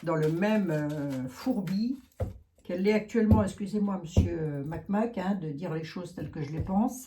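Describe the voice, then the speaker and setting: A woman's voice: fairly low pitch, mellow. A woman with a Lorraine French accent, reading cards and chatting frankly while thinking aloud with many fillers. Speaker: card reader. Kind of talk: casual card reading monologue.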